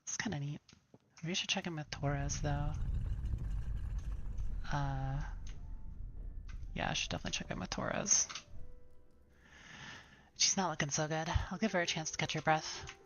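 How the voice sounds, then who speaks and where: A woman's voice: deep voice, steady tone, a little slow, long pauses, a bit bright. A woman streamer giving casual, wry, self-deprecating commentary while playing a game. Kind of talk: casual let's-play commentary.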